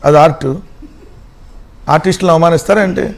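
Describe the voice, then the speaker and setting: Male TV panelist, high and gravelly, rattles off sarcastic rhetorical questions at speed. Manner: mocking, rapid rhetorical questions. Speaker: political panelist. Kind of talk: heated TV panel debate.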